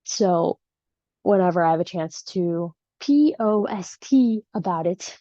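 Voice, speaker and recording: A Chicago-accented woman hosts a casual solo podcast, rambling and chatty with lots of ums. Her lowish, mellow voice is animated but measured in pace. She records on a home setup without the usual gear, in a dry room with no room sound, and the mic is slightly muffled.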